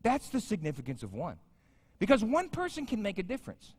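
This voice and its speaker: A man in his fifties delivering a sermon, chatting and joking with his congregation. His voice sits a little high and swoops animatedly up and down. The sound carries a long reverb from a large church sanctuary. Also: wildly swooping pitch, fairly quick, darkish tone, husky. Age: 50s. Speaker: pastor.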